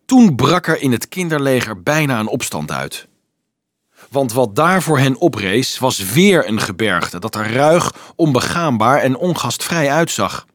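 A man narrating an audiobook in an expressive storytelling manner. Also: mid-range voice, a little slow, no echo, clean studio sound.

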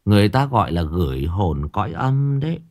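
A man's voice: fairly low pitch, sing-song, normal speed. A man voicing a fierce old village grandmother who scolds sharply. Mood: grumbling. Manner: scolding, gruff.

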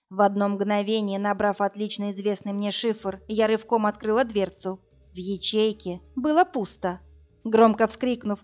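A woman reading a first-person audiobook, delivering the dialogue with dramatic emotion. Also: medium pitch. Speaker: audiobook narrator. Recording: dull lo-fi audio, faint music.

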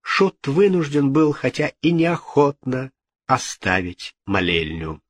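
A man's voice: fairly high pitch, very animated, a little slow, breathy edge, no echo. A man narrating a historical novel as an audiobook, reading dramatically. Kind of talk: scripted narration.

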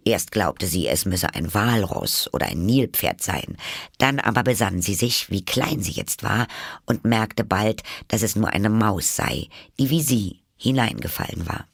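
A man narrates a storybook in a very low, gravelly voice with a husky, raspy edge. His delivery is animated, rising and falling widely. The sound is close and dry. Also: measured pace, no echo. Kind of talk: audiobook narration.

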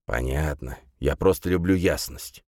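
A man voicing a gruff, blunt older man who mutters in a low voice. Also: a little slow, darkish tone, no echo, clean studio sound, full character voice. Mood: grumbling.

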